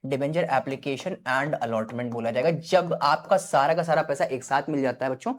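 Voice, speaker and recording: A man's voice: medium pitch, moderate pace. A male teacher giving an online exam-prep lecture, explaining step by step and often checking in with his students. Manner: explanatory, keeps checking in with students, mixes in English terms. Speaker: accountancy teacher.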